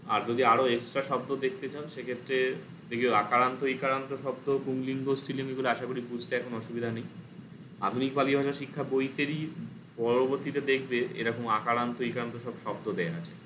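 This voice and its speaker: A man teaching an online language class, explaining patiently and reciting word forms in steady drills. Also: mid-range voice, brisk, slight background noise, low-quality recording.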